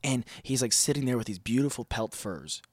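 A man co-hosting a podcast in casual chat, animated and swearing, full of "like" fillers. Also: mid-range voice, a little fast, breathy edge, no room sound. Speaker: podcast co-host.

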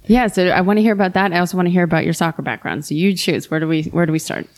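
A woman's voice: lowish voice, racing. A woman co-hosting a local podcast, upbeat and leading the interview questions. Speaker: podcast co-host. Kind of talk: casual interview.

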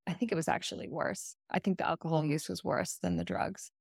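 A podcast guest in her thirties speaks candidly about her recovery, earnest and reflective, keeping her sentences short and plain. Her fairly low voice is gravelly yet a little mellow, with a steady tone and a fairly quick pace. The recording is dry and studio quality.

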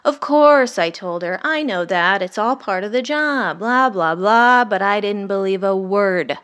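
As the narrator and lead of a horror audio drama, this woman plays a sleepless, haunted ER doctor telling the story in first person with a wry, literary edge. The mood is brooding and uneasy. Her mid-range voice is expressive and fairly bright, and she never rushes.

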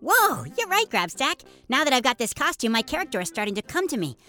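A woman's voice: high-pitched, very animated, fast talker, pushed and bright, faint music behind, heavily acted. A woman voicing an eager young boy superhero who feels unsure of himself in a children's audio drama. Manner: eager, a bit anxious.

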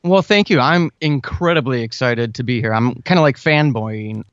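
This interview guest, who writes audio dramas, chats informally at a normal speed in a mid-range, slightly bright voice, sincere and eager about his work. The audio is dull, with no room sound.

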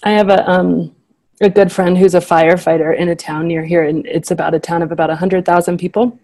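A woman's voice: fairly low pitch, flat delivery, brisk, mellow, dry recording. A woman, chatting casually and encouragingly as a podcast host. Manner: appreciative, encouraging. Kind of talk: casual interview chat.

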